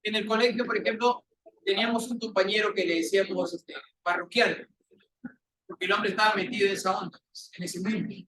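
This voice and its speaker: A man's voice: sits high, fairly even intonation, brisk, sharp tone. A male teacher with a Peruvian accent, teasing and joking with his students during a classroom lecture. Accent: Peruvian Spanish. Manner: playful, teasing banter with students. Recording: echoey classroom recorded from a distance.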